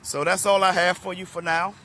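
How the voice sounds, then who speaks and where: A middle-aged motivational speaker from Washington, D.C. livestreams to viewers outdoors in a parking lot under trees, holding his phone at arm's length. His voice is hoarse, high and fairly quick, and he's relaxed and chatty, greeting viewers by name.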